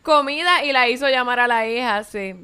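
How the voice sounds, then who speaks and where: A young woman with a Puerto Rican accent chats casually on a podcast about old episodes. Her voice is bright, smooth and clear, sitting a bit high, and she laughs freely and often. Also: moderate pace. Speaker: podcast co-host. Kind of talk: casual podcast chat, recapping past episodes.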